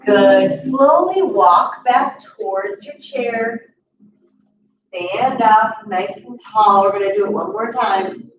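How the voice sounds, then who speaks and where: A young adult woman guiding a chair yoga class, calmly cueing each step and slowing down to hold the poses. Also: mid-range voice. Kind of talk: guided exercise instruction. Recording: distant, roomy, dull audio with steady background noise.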